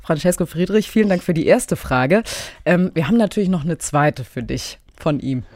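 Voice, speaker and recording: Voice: medium pitch, lively intonation, normal speed, darkish tone, no echo. Playful, teasing interview host. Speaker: podcast host. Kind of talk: casual interview.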